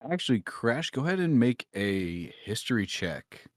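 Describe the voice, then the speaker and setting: A man's voice: medium pitch, very animated, moderate pace, no room sound, clean studio sound. A man narrating as game master of a tabletop role-playing game, rambling and restarting as he thinks aloud.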